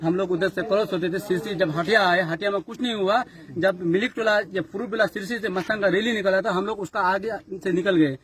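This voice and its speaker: A man's voice: high voice, steady tone, fairly quick, hardly any pauses. A man telling an interviewer outdoors, urgently and repetitively, how his group was attacked. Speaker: party worker describing an attack. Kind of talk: agitated street interview account. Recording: loud crowd behind.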